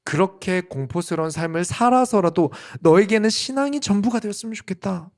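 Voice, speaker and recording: A man's voice: sits high, expressive, a little fast, a little mellow, pitched above the performer's own voice. A man voicing an aging patriarch speaking earnestly to his son, as part of a sermon.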